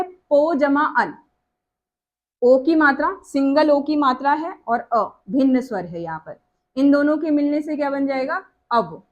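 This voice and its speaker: A woman teaching a grammar lesson, asking questions and answering them herself, repeating each example word. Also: sits high.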